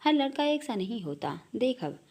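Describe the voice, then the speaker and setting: A shy young woman who speaks quietly and hesitantly, uneasy about what waits at home, as a woman storyteller gives her voice. The delivery sits fairly high with a lively pitch. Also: moderate pace.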